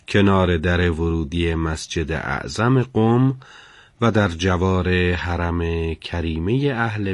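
Deep-voiced man narrating a story. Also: no room sound. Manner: measured, solemn storytelling. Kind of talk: scripted narration.

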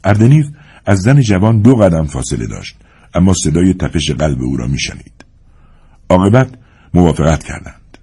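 Deep, husky male narrator for a dramatic audiobook reading, with a dark tone and animated delivery. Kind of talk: scripted narration of a novel.

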